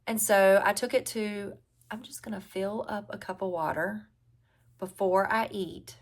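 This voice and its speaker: A woman's voice: mid-range voice, steady tone, unhurried. A woman in her forties with a Southern US drawl, giving casual, conversational advice as a health coach and repeating key phrases for emphasis. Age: 40s. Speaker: health and weight-loss coach. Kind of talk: casual advice talk to viewers.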